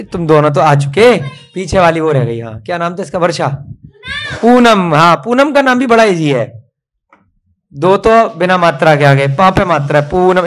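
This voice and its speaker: A man teaching children to write a script in a classroom, coaxing and praising them and spelling out each stroke slowly. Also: high-pitched, a bit bright, low-quality recording.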